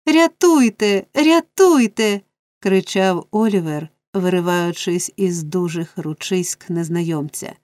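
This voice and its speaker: A woman reading a classic novel aloud as audiobook narration, steady and expressive. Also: fairly low pitch, unhurried, no room sound.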